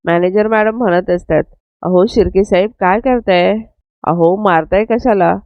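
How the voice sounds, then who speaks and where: A woman's voice: medium pitch, moderate pace, dry recording. A woman retelling a TV serial episode in scripted narration, reading every character's lines in the same plain tone. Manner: retells scenes, voicing all quotes in the same plain tone. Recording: dry, dull lo-fi recording.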